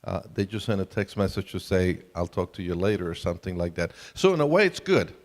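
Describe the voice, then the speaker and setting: A middle-aged Colombian man with a low-pitched, expressive voice talks fast as he co-presents a family ministry talk. He tells stories with self-deprecating humor, recorded in a reverberant hall.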